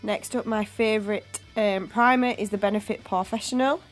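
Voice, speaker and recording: Soft music plays behind a young beauty vlogger whose chesty voice sounds like she has a cold. At medium pitch, fairly quick and steady in tone, she chats casually through her makeup tutorial step by step, recorded on a home voiceover mic.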